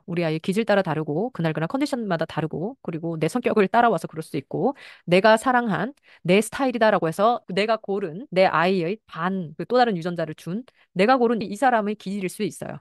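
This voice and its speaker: Fast-talking woman counselor, dry sound. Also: darkish tone, no room sound. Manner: acts out mother and child lines in higher voices. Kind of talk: parenting advice talk.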